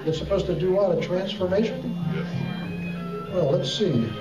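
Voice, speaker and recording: A man's voice: high voice, expressive, normal speed. A man doing comedy magic patter like a kids party magician and emcee, playfully coaxing the audience to respond. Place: echoey hall, talent show stage. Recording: echoey hall from far off, muffled, music and crowd.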